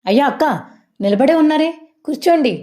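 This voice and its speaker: A woman's voice: high voice, animated, a little fast, dark tone, pitched above the performer's own voice. A woman voicing a cocky, mocking young bully in a retold TV serial. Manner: mocking then threatening.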